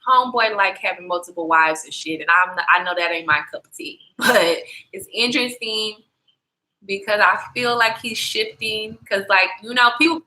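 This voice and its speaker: A woman's voice: medium pitch, normal speed, bright, forceful tone, low-quality recording. A young woman chatting casually on a travel livestream, slangy and profane, talking straight to her viewers. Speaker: travel vlogger.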